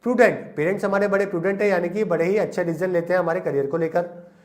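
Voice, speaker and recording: A man's voice: high voice, steady tone, rapid-fire. A young man teaching English vocabulary in Hindi, giving memory tricks and asking questions he answers himself. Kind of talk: Hindi lesson on English words.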